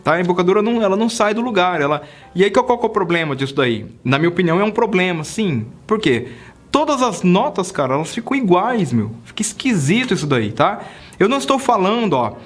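Chatty high-voiced sax teacher. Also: male voice, very animated, fast talker. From Brazil. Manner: chatty, checks in often with "tá?" and "cara". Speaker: saxophone teacher. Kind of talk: casual video lesson.

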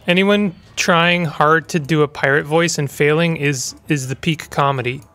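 A man's voice: fairly high pitch, normal speed, sharp tone, faint music behind. A man hosting a gaming channel, giving rambling, chatty let's play commentary with stumbling restarts.

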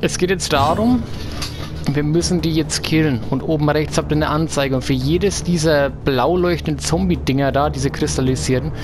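A man's voice: on the high side, normal speed. Man casually commentating over game music. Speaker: let's player.

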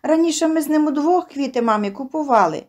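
A woman's voice: sits high, animated, quick pace, a little mellow, pitched above the performer's own voice. A woman voicing a shy, tearful little girl who pleads between sobs in an audio story. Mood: tearful pleading. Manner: sobbing, pleading.

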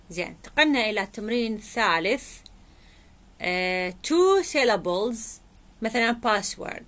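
A woman English teacher with an Iraqi Arabic accent, working through exam answers. She reads English definitions slowly and then explains them in Arabic. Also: mid-range voice, a bit bright.

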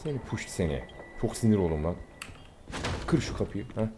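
A young man commenting casually on a game he plays, brash and excitable, swearing often. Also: on the low side, normal speed, noisy background. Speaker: gaming YouTuber. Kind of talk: Let's Play commentary.

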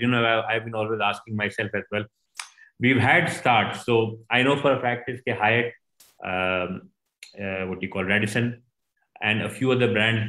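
A man's voice: on the low side, sharp tone, roomy sound, low-quality recording. A man in his forties with a Pakistani English accent, answering courteously as a webinar panelist. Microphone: video call webcam.

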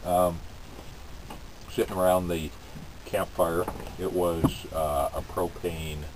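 A man talking with a pipe held in his mouth, musing in a relaxed, rambling way and chuckling between thoughts. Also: deep voice, slow, background noise. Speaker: pipe-smoking vlogger. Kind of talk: casual rambling monologue to camera.

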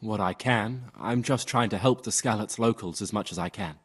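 A humble helper monk in a medieval game. The voice is low and husky, plain and modest. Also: male voice, moderate pace. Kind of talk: video game dialogue acting.

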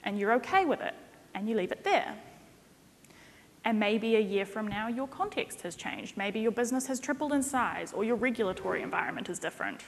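A woman's voice: mid-range voice, fairly quick, creaky. Jokey New woman giving a keynote. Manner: conversational and jokey, lively emphasis. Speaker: keynote speaker, consultant. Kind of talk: conference keynote talk. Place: conference stage in a large hall. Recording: reverberant hall sound.

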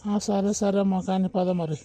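An impatient, curt cartoon son, voiced by a man. His voice is very dark and even. He speaks quickly. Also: high voice, natural voice. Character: impatient young adult son.

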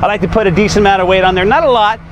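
A man's voice: high voice, rapid-fire, dull audio. A middle-aged man, a trucker, chatting casually on camera as he shows off his gear in a parking lot, often asking "you know what I mean". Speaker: trucker vlogger. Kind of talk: casual show-and-tell. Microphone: camera mic at a few feet. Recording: outdoor camera audio with traffic noise. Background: truck and traffic noise.

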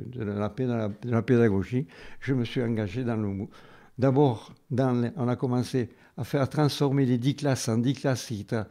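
Old southern French man, mellow voice. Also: medium pitch. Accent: southern French, Carmaux. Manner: halting, emphatic storytelling. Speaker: retired schoolteacher. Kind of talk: reminiscing interview.

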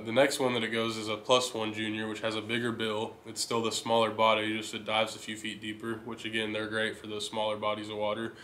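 A young man hosting a fishing channel, giving a steady, enthusiastic rundown of his lures in a casual chat. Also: on the low side, a little hiss or hum. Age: young adult. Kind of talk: casual gear talk to camera. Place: indoor living room.

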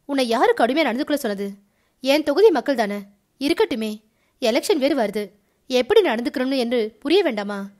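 A man's voice: very high voice, animated, brisk. A woman voicing an angry male government minister who barks orders down the phone. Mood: scolding. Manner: sharp, commanding. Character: angry middle-aged male politician barking orders.

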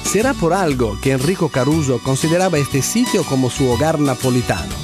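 A man's voice: medium pitch, animated, a little fast. A man narrating a scripted travel documentary voice-over. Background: plucked guitar music.

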